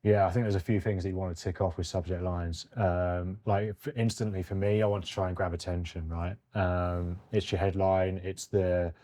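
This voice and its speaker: Brief: male podcast co-host, deep mellow voice, chatty, keeps checking in with "right?". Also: little pitch movement, normal speed, hardly any pauses. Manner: chatty, often tags sentences with "right?". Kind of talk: casual podcast chat.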